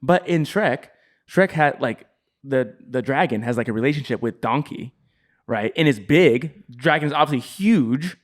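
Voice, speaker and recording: A man's voice: medium pitch, animated, normal speed. A middle-aged man co-hosting a podcast in casual chat, explaining at length with many restarts. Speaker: podcast co-host.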